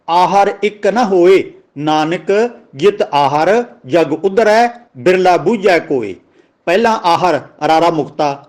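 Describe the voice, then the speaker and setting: A man with a Punjabi accent giving a religious grammar lesson, slowly spelling out words and their pronunciation. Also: sits high, a little mellow. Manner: slow, deliberate, spells out words letter by letter. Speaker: teacher of scripture grammar.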